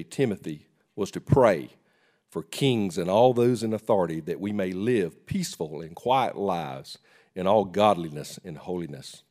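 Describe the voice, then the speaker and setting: Low-voiced man leading a solemn public prayer. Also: darkish tone. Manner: solemn, measured phrases that start strong and fall away. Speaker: state legislator leading prayer. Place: legislative chamber, at the podium.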